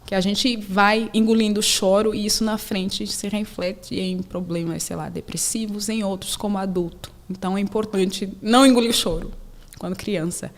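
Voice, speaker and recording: A young adult woman, a solo mother talking casually in a podcast interview and acting out her daughters' voices as she tells stories. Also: normal speed. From Brazil. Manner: animated storyteller, acts out her daughters in a high voice. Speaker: podcast host sharing her story.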